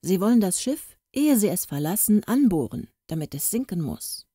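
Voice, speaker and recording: A woman voicing an old male boatswain, loyal and secretive, speaking in a hurried, lively way in a storybook reading. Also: mid-range voice, breathy edge, no room sound, studio quality, pitched above the performer's own voice. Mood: urgent.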